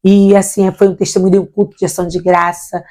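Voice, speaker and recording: A woman's voice: medium pitch, fast. A middle-aged woman, a missionary guest, telling her personal faith testimony and acting out the voices of the people in it. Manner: animated storyteller acting out quoted voices.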